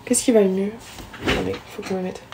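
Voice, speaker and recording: A woman's voice: medium pitch, steady tone, fast, creaky, background noise. A young woman chatting casually with viewers during a live stream, self-mocking and talkative, recorded on a phone at home. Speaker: livestreamer.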